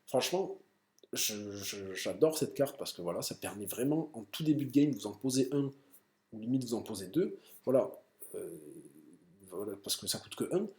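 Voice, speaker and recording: A man's voice: lowish voice, expressive, moderate pace, a little mellow. French guy hyped about his card deck, lots of euh, echoey room. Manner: enthusiastic, frequent fillers and self-corrections. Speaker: card game deck presenter. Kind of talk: casual deck explanation.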